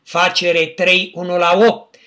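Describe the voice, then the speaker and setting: A man delivers a sermon in a measured, deliberate reading voice, quoting scripture and naming its verses. His voice sits high and sounds bright and clear. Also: monotone. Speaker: preacher. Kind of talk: religious teaching with scripture reading.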